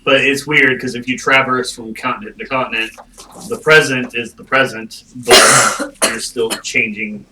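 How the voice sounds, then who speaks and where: A man's voice: medium pitch, fairly even intonation, measured pace, noisy background. A man running a tabletop game as game master, explaining the world's lore to his players. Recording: distant mic, music bed.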